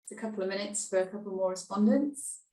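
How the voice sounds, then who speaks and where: A woman's voice: medium pitch, fast talker, dark tone, roomy sound, low-quality recording. A woman moderating a webinar, running polls and handing over to speakers in a friendly way. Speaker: host.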